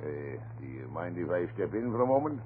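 Very animated and a little fast, this vintage radio play performance gives us a talkative, stubborn off-duty desk sergeant neighbor who blusters along in a chatty, folksy mood with homespun turns of phrase. His pitch swings widely, and the old recording is narrow, tinny, and slightly hissy.

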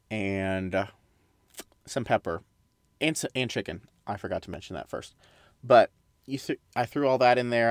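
A man's voice: lowish voice, dry recording, studio quality. A young adult man hosting a casual solo podcast, rambling through tangents and side remarks. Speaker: podcast host.

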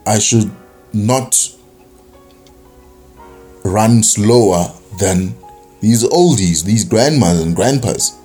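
A young man with a South African accent talks through his opinions in a loose, rambling way, stopping often for fillers and false starts. His voice sits fairly low. Faint music plays under him. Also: a little mellow, breathy edge. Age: young adult. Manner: rambling, many fillers and restarts. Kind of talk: casual opinion monologue.

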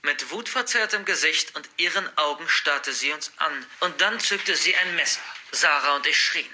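A man's voice: fairly high pitch, moderate pace, sharp tone. A man narrating a scripted first-person horror story for bedtime in an earnest storytelling manner. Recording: faint background music.

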